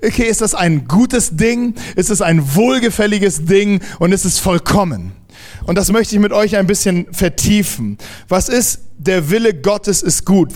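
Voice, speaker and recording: A man preaching a sermon in a lively, emphatic way, mixing casual slang into his teaching and often restarting his sentences. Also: high-pitched.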